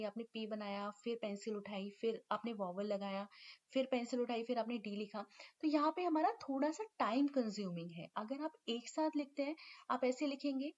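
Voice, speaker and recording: Young woman, high voice, patient teacher tone, slightly muffled lo-fi recording. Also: a little mellow. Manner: patient, explanatory, frequent "theek hai" check-ins. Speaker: shorthand teacher. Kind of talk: online lesson, explaining step by step.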